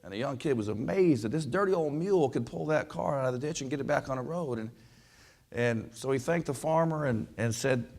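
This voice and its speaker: A man's voice: mid-range voice, lively intonation, fairly quick, darkish tone. Folksy man telling a story to a crowd. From western Kansas, USA. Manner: rambling, repeats words, many fillers. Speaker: basketball coach giving a keynote speech. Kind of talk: folksy storytelling speech to an audience.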